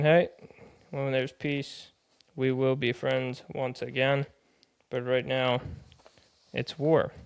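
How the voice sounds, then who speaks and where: A man's voice: mid-range voice, a little mellow, clear, resonant tone. A man hosting a podcast, reading aloud from a text and explaining it in a casual, conversational way, often paraphrasing loosely. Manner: plain-spoken, conversational, paraphrases with "hey" and "they're like". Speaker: podcast host.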